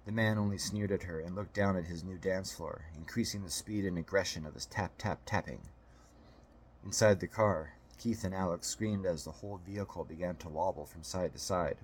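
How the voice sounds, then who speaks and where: A man narrating an audiobook in a steady, measured storytelling manner. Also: low voice, slight background noise.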